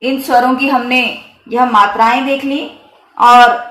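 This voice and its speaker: A woman teaching a grammar lesson on the Hindi script, explaining slowly and carefully and repeating each example. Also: high-pitched, little pitch movement, bright, forceful tone, roomy sound.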